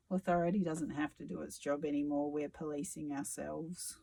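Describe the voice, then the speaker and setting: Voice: medium pitch, fairly even intonation, normal speed, vocal fry, warm tone, poor audio. A tarot reader giving a reflective solo reading, musing aloud with sarcasm and casual swearing.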